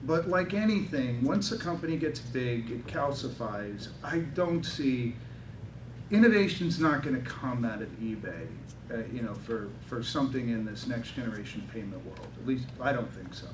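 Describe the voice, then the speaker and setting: A man's voice: medium pitch, expressive, moderate pace. A man speaking as a conference panelist, emphatic and often ending points with a tag question. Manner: emphatic, seeks agreement with repeated tag questions. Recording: distant echoey hall with noise.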